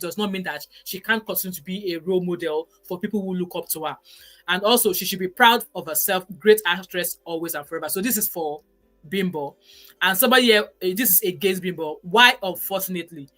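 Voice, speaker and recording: A woman's voice: fairly low pitch, quick pace, fairly bright tone, soft background music. A Nigerian woman in her forties hosting a casual live stream, reading viewer comments in an emphatic, chatty way and dropping in pidgin words. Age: 40s.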